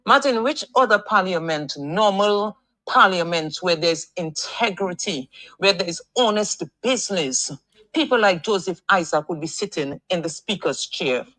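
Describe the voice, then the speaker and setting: A woman's voice: on the low side, animated, unhurried, a bit bright, dry recording, low-quality recording. A woman from Dominica, heard in a voice message played on air, complaining with passion and repeating words as she searches for them. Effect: recorded voice message played on air. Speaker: caller sending a voice note. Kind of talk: political call-in complaint.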